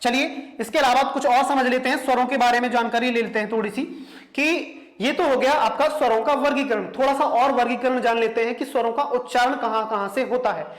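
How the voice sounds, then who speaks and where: A man's voice: very high-pitched, steady tone, brisk. A man teaching an exam-prep class, often asking the students rhetorical questions and repeating his points. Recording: echoey room.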